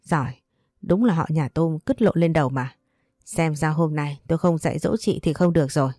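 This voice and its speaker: A woman's voice: low voice, normal speed, mellow, no room sound, studio quality. A woman voicing a harsh, domineering mother-in-law who scolds and insults, in a storybook reading. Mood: furious.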